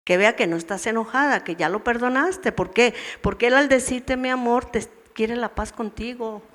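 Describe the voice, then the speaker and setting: Her voice a little high and a bit bright, moderately paced, a Mexican Spanish-accented woman leads a women's church meeting. She keeps asking the listeners questions and acts out what wives would say, all in a church with long hall reverb.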